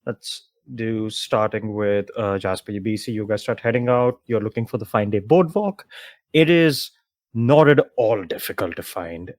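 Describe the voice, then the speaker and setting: A man's voice: fairly low pitch, moderate pace, darkish tone, no room sound, studio quality. Casual man narrating as game master. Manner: casual, lots of "like" and "uh" fillers. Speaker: dungeon master.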